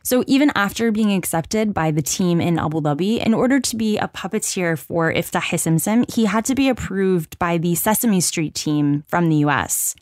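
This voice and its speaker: A woman narrating a story in a measured, scripted way. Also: on the low side, a little mellow, no room sound, studio quality.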